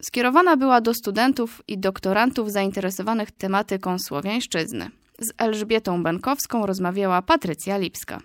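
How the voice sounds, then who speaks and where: Lady reading radio news, steady and formal, dead dry studio sound. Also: mid-range voice, dry recording. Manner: measured, formal delivery.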